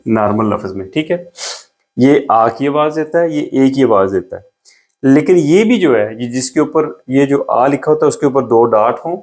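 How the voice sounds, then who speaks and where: A man's voice: mid-range voice, a little mellow. Man, teacher, patient, step-by-step explanation, repeats sounds, writes while talking. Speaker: language teacher. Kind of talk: explaining a beginner lesson step by step.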